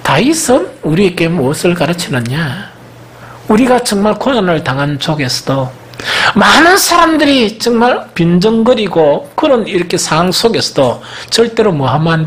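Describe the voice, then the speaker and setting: A man preaching in a Gyeongsang accent, his pitch swinging widely from phrase to phrase. He keeps throwing questions out to his listeners and then answering them himself. It is the delivery of a pastor in full sermon mode. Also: moderate pace. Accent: Gyeongsang Korean. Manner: animated preaching with frequent rhetorical questions to the congregation.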